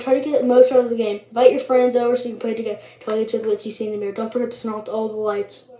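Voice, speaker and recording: A woman's voice: on the high side, a little mellow. A young woman vlogging casually, chatty and full of fillers, with mock-scared asides. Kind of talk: casual vlog chat. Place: bathroom at home. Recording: echoey room.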